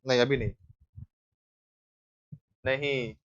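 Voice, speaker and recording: A man's voice: mid-range voice, steady tone, slow pace. A young male teacher giving a grammar lesson in a classroom, explaining step by step and often checking with his students. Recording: dull lo-fi recording.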